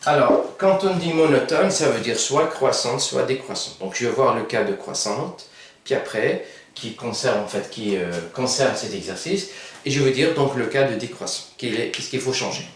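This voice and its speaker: A man's voice: medium pitch, animated, normal speed, far from the mic. Male math tutor, hesitant board-side explainer, very echoey room, mic set back. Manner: hesitant, many fillers and self-corrections. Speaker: math teacher. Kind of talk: whiteboard math lesson.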